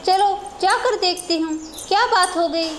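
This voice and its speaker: A woman's voice: extremely high pitch, measured pace, slight background noise. A woman doing a bossy old village mother-in-law. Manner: scolding, commanding.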